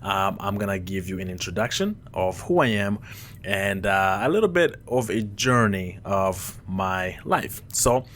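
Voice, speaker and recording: Low-voiced young man hosting a podcast. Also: animated, a bit bright, a little hiss or hum. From Rwanda, raised in Mozambique. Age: 20s. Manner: halting, many fillers and restarts. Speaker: podcast host. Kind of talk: casual solo monologue. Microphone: headphones on, podcast mic.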